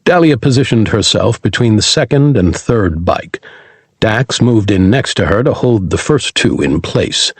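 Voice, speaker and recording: A man reading a sci-fi audiobook aloud in an animated, dramatic way. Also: lowish voice, unhurried, breathy edge, no room sound. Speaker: audiobook narrator. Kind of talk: scripted audiobook narration.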